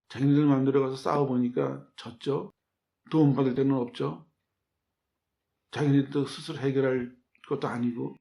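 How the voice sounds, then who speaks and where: A man's voice: mid-range voice, gravelly, warm tone. A man, a pastor, preaching a sermon in a conversational way, asking the listeners questions and answering them himself. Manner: acts out quoted voices in his telling.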